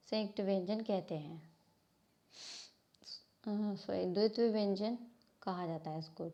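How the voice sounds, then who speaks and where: A woman teaching Hindi grammar to a class, asking questions and answering them herself, often stopping to correct herself. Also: mid-range voice. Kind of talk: classroom lesson explaining from a book. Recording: slightly dull lo-fi sound.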